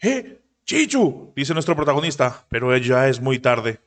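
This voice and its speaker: A man narrating a manhwa story recap, briefly raising his pitch to voice the characters he quotes. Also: steady tone, normal speed, a bit bright, long reverb tail.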